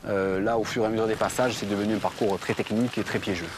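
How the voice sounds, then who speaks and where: A man's voice: fairly low pitch, fairly even intonation, fast. A man, a downhill racer, talking in a hesitant way in an interview. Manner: hesitant, many fillers. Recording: noisy outdoor sound.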